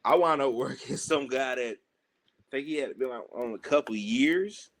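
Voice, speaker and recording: A man's voice: medium pitch, normal speed. A man telling stories casually and animatedly in colloquial speech, acting out the exchanges he quotes. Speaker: pro wrestler telling stories.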